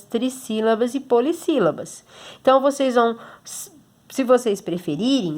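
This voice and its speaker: A woman's voice: fairly high pitch, a bit bright. A woman with a Brazilian Portuguese accent, a teacher explaining a homework exercise to children patiently, step by step, checking in often. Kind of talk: recorded homework lesson for children.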